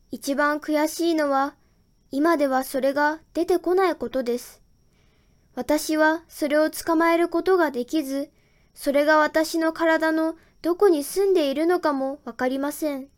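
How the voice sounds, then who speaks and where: A woman's voice: high voice, steady tone, normal speed. A woman reading a children's story aloud in the first person, in a plain storytelling manner. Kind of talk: scripted children's story narration.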